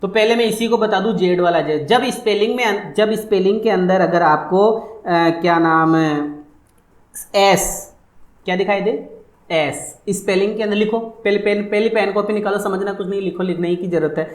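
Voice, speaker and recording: A man's voice: sits high, normal speed, echoey room. A man teaching a phonetics lesson, repeating each point and asking questions that he answers for his students. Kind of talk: online exam-prep phonetics lesson.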